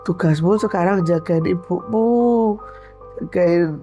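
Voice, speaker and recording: A woman with a Javanese accent quoting her dying father as he tenderly says goodbye and leaves her his last advice. She repeats his soft pleading words in a raised voice. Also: fairly low pitch, takes it slowly, over music. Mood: tender farewell. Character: dying old father, gentle and loving.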